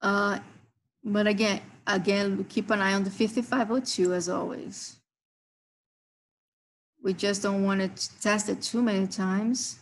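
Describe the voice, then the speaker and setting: A woman's voice: medium pitch, fairly even intonation, measured pace, long pauses, slight background noise, poor audio. A woman hosting a live trading session, walking members through chart levels and price zones. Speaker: trading stream host.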